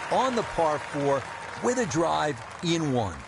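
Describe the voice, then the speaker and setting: A man playing a composed golf commentator, calling play in a measured, approving, polished broadcast delivery for a video game. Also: on the high side, big pitch swings, gravelly, noisy background, exaggerated voice. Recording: loud music and crowd behind. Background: music and crowd.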